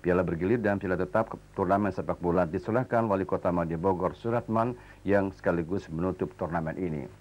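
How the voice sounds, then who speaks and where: Deep-voiced man reading old TV news. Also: poor audio. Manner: measured, even, formal delivery. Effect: old archived TV news broadcast sound. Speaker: news anchor. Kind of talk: formal scripted news reading.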